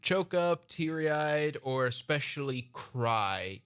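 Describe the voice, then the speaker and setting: A man's voice: on the high side, animated, slow, a bit bright, smooth. A man co-hosting a podcast in casual chat, rambling and correcting himself as he goes. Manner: rambling, restarts, self-correcting. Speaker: podcast co-host.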